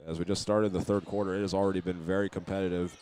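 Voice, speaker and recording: An American man calls a high school basketball game live on radio as the play-by-play announcer, talking fast in a flat, slightly mellow voice. The recording picks up clear gym ambience and bouncing balls, plus a little hiss or hum.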